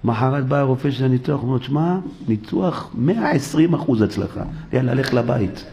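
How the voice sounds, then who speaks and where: A man's voice: mid-range voice, vocal fry, a little hiss or hum. A man, a rabbi, giving a sermon in a synagogue. He tells everyday stories and acts out the people in them. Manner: animated storytelling, acting out the people in his stories. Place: synagogue, recorded for a live broadcast.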